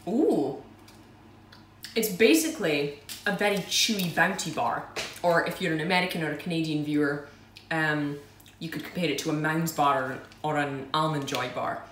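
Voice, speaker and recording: A woman's voice: low voice, normal speed, fairly bright tone. A woman chatting casually as she unboxes and tastes snacks, self-deprecating and giggly. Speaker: food vlogger. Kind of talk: casual unboxing and tasting review. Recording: roomy echo, mic at a distance, faint noise.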